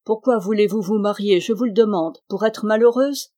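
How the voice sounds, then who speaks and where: A woman's voice: mid-range voice, normal speed, close to an everyday voice. A woman reading aloud, voicing a stern, scornful peasant mother in a folk tale. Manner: scornful, sharp.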